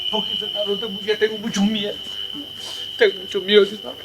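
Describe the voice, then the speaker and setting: A man's voice: high-pitched, flat delivery, fairly quick, background noise, natural voice. A man playing a coy, whiny young woman. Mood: clingy. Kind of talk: comedy sketch acting.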